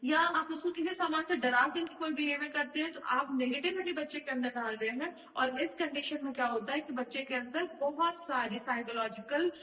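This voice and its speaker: High bright woman psychologist, echoey room. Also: normal speed, few pauses, distant mic. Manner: earnest, advising, mixes English terms into Hindi. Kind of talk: explaining child psychology to parents.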